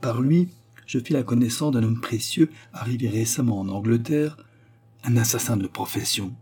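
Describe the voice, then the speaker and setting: A man's voice: medium pitch, moderate pace, a little mellow, breathy edge, close to an everyday voice. A man voicing a pompous, self-important male underling giving a prepared speech in an audiobook. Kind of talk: audiobook character reading.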